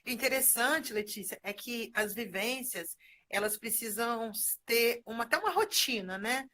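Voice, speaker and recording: Bright, higher-voiced woman explaining. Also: expressive, a little hiss or hum. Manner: measured, explaining, frequent "né?" tags. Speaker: guest. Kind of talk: explanatory conversation.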